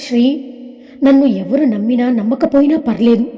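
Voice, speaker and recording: A woman's voice: a little high, moderate pace, long reverb tail, dull audio, faint music behind, lightly acted. A woman voicing a distraught young wife who pleads and protests in a storybook reading. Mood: pleading. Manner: pleading, indignant.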